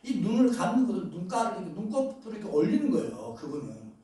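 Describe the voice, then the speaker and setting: Animated high-voiced preacher in echoey hall. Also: male voice, fast talker. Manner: emphatic, shifts between loud bursts and asides, questions the congregation. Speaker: pastor. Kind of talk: sermon. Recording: very echoey hall, voice far from mic.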